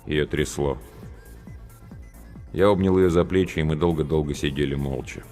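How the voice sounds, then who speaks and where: Deep-voiced man narrating an audiobook. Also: moderate pace, darkish tone. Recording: long reverb with faint music.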